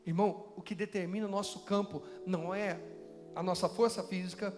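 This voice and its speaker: High-pitched preacher guy, echoey church hall, soft music behind. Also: fairly even intonation, a little fast. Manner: preaching with rising intensity, mocking voices in quotes. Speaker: pastor. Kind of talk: sermon.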